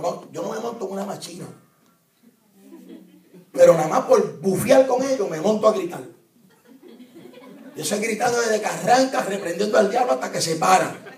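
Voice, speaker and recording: A fairly high-voiced man preaches emphatically, firing rhetorical questions at his listeners. He sounds set back from the mic, and his voice rings around a roomy church hall. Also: a little mellow, recorded from a distance. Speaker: evangelist preacher. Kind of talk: sermon. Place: church hall at a youth conference.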